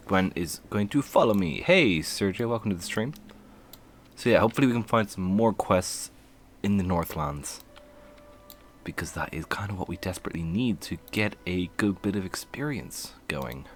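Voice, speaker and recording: A man's voice: sits low, animated, fairly quick, slight background noise. A man giving casual, playful commentary while streaming a game, laughing and humming to himself as he plays.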